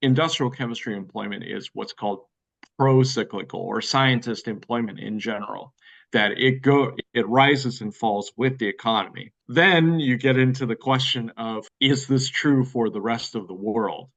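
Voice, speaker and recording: A man's voice: mid-range voice, normal speed, creaky, fairly bright tone, lo-fi sound. An American man answering interview questions at length, thoughtful and hedging, with many fillers and restarts. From United States. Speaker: guest expert.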